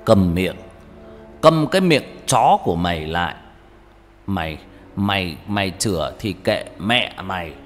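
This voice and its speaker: A man's voice: medium pitch, sing-song, a little slow, slight background noise. Man voicing a snarling brutal old tyrant. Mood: snarling threat. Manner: snarling, threatening, coarse. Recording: reverberant with background music.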